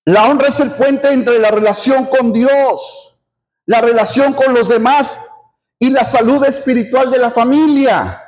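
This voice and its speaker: A middle-aged man preaches from the pulpit in a strikingly high voice. His delivery is earnest, circling back on words and adding an amen as he makes his point. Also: measured pace, darkish tone. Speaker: pastor. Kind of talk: sermon.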